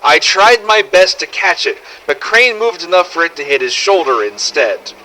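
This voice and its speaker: This narrator of fan-made game audio logs tells a scripted first-person survival story in character, gritty and dramatic, swearing now and then. He has a high, bright, forceful voice with lively intonation and a moderate pace. Slight background noise is audible on the rough recording.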